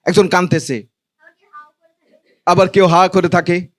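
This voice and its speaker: Man, Bangladeshi accent, high-pitched voice, stand-up comedy, colloquial delivery, teasing live-audience banter. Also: flat delivery, measured pace. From Noakhali, Bangladesh.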